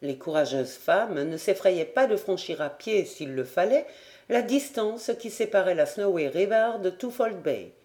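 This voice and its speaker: An audiobook narrator reading a classic adventure novel in a clear, even way. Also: medium pitch, measured pace.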